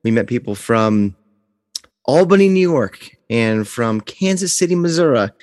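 A man's voice: medium pitch, lively intonation, a little slow, darkish tone, no echo, studio quality, long reverb tail. A man hosting a podcast in a casual, chatty style. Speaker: podcast host. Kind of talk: casual chat.

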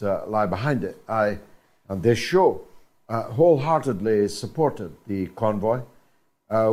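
An older man from Britain hosting a call-in show, speaking deliberately and emphatically with many pauses. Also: on the low side, a little mellow. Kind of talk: radio phone-in talk.

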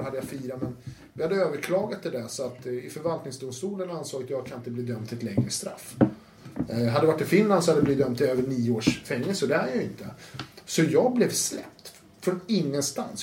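A man with a slightly high voice tells his story in an animated, casual way. He swears freely and acts out the voices of people in it. The sound is roomy with a faint hiss behind him. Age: adult with children. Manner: animated, swears, acts out quotes, laughs often. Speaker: interview guest. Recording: roomy room with faint noise.

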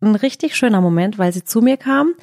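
A woman's voice: mid-range voice, lively intonation, brisk, a little mellow, dry recording, clean studio sound. A woman in her thirties chatting casually as a podcast host, telling long personal stories with lots of small fillers. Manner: chatty storyteller, many fillers and hedges. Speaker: podcast host and video creator. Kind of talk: casual chat.

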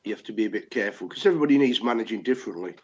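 A man joining a casual football debate as a pundit on a video call, speaking in a plain, measured way. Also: fairly low pitch, lively intonation. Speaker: pundit on a fan football show. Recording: dull lo-fi video call audio.

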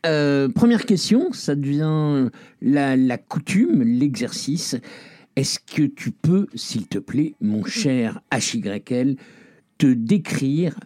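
A man hosting a podcast interview in a relaxed, halting way, often pausing on fillers and restarting his sentences. His voice sits at an ordinary middle pitch. The recording is dry and close, with no room sound. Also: no echo. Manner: hesitant, many fillers and restarts. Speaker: podcast host. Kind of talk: casual interview.

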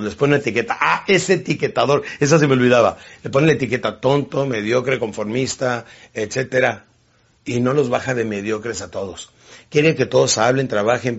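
A man giving an animated motivational seminar talk, slipping into quick character voices. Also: mid-range voice, breathy edge, highs cut off. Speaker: motivational speaker.

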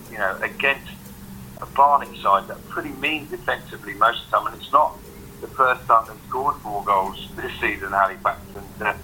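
A man with a bright, punchy voice on the low side gives conversational football analysis. There is faint noise behind him, as on a podcast. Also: low-quality recording.

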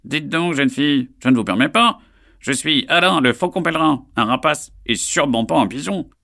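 A man's voice: fairly high pitch, lively intonation, normal speed, creaky, pushed and bright, pitched above the performer's own voice, full character voice. A man voicing a haughty male peregrine falcon in a storybook, pompous and indignant.

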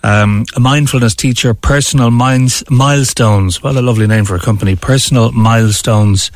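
A man's voice: medium pitch, moderate pace, no echo, clean studio sound. A man hosting a conversational radio interview. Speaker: radio show host.

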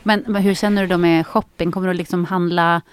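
A woman co-hosting a podcast in casual chat, encouraging her co-host with quick reactions and questions. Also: on the low side, steady tone, clear, resonant tone. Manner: supportive, reacting with quick exclamations and laughter.

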